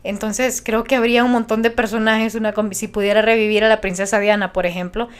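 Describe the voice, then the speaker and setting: A woman's voice: on the high side, fairly quick, smooth. A young woman from Honduras with a Honduran Spanish accent, a radio announcer chatting passionately as a podcast guest. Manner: animated, passionate, many restarts. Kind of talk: casual interview chat.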